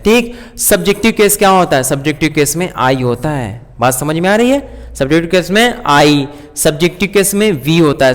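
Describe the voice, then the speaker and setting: A man teaching English grammar at a board, asking questions and repeating key points for his students. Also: sits high. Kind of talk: classroom grammar lesson. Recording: long hall reverb.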